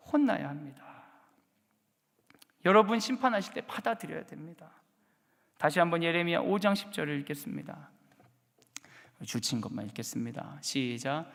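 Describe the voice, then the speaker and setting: A man preaching a sermon at a Friday prayer meeting, moving from quiet stretches to shouted, acted-out scolding. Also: sits high, vocal fry. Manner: dramatic, acts out scolding parents and shouts. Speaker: pastor. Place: large church sanctuary. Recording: long hall reverb.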